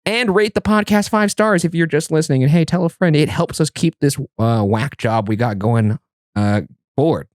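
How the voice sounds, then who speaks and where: A man's voice: on the high side, moderate pace. A man hosting a podcast, chatting casually with jokey, self-mocking asides. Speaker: podcast host. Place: indoor podcast studio.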